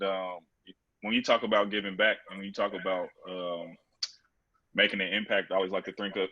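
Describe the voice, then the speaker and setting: A man in a casual panel discussion who talks in a relaxed way, full of fillers and "you know what I mean". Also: on the low side. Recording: dull lo-fi call audio.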